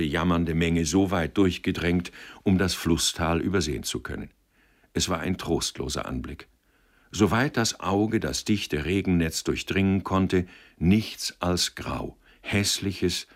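A man narrating an audiobook in measured storytelling with vivid, expressive emphasis. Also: low-pitched, gravelly.

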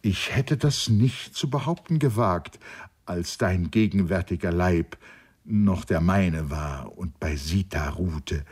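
A man's voice: low voice, a little mellow, breathy edge, heavily acted. A man voicing a hurt young husband who argues in a reproachful, pleading way.

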